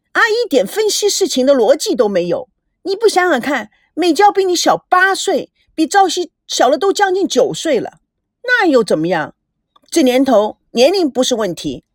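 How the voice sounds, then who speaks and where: Female reader as a scornful, hot-tempered young actress in an audiobook, lively pitch. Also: dry recording, studio quality.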